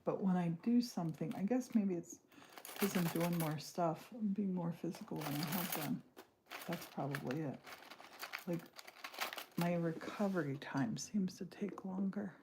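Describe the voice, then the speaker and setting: Her lowish voice runs a little slow over a noisy background. She is a woman in her sixties who crafts during a home-studio livestream, chatting in a rambling way and interrupting herself, heard through the device mic.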